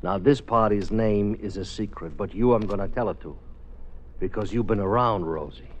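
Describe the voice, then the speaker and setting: An actor playing a slick, menacing show agent with mob ties in an old radio drama, smooth-talking and condescending. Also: male voice, fairly low pitch, moderate pace, natural voice. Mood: threatening. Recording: dull, noisy old radio recording.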